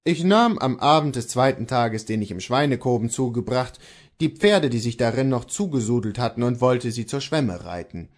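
An aggrieved male stable servant tells his master what happened in a storybook reading, voiced by a man. The voice stays close to the reader's own, plain and low-key, with a lively rise and fall. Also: moderate pace, natural voice.

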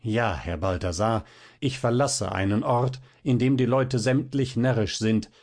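A man's voice: medium pitch, measured pace, a little mellow, natural voice. Brief: man reading as a vain, fiery violinist, ranting in a level middle register. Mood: indignant. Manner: indignant, theatrical outbursts. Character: proud, hot-tempered Italian violinist man.

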